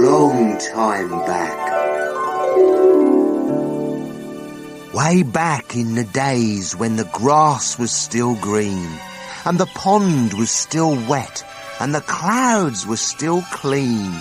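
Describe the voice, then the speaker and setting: A man's voice: medium pitch, very animated, very slow, voice pushed down. A man voicing a secretive old recluse in a children's storybook, telling his past theatrically and stretching words with relish. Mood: wistful. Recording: audiobook cassette with music behind.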